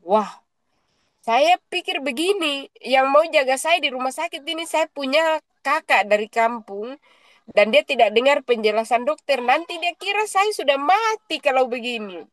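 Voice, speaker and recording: High-voiced woman with Papuan accent. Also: dry recording. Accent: Papuan Indonesian. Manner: lively storytelling, acting out quoted dialogue. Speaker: guest giving a testimony. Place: radio studio.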